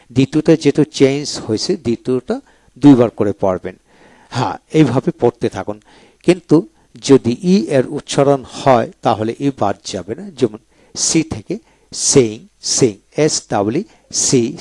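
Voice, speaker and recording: A man teaching English pronunciation in a video lecture, slowly saying each word and repeating it twice. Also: mid-range voice, mellow, dry recording.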